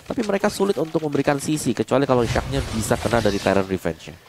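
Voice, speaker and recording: A man's voice: medium pitch, big pitch swings, rapid-fire, a little hiss or hum. An Indonesian man giving analytical commentary on an esports match.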